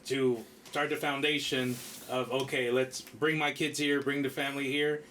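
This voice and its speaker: A man from Mexico, talking casually as a podcast co-host. His voice is bright and forward, and he switches into Spanish phrases and swears loosely. A faint hiss sits under the recording. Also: medium pitch, little pitch movement, moderate pace. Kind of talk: casual chat.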